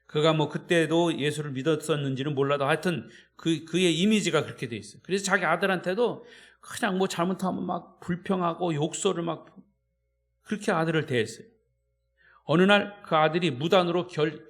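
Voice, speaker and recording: A male pastor preaching a sermon in a church. He swings between loud, emphatic declarations and hushed storytelling. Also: on the high side.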